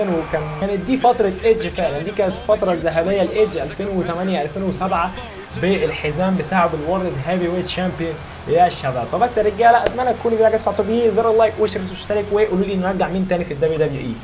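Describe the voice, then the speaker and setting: A young Egyptian man playing a wrestling video game, cheering, shouting and trash-talking his opponent as he commentates. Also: high-pitched, rapid-fire, over music. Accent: Egyptian Arabic. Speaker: gaming YouTuber. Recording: loud crowd noise from game. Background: loud game arena crowd.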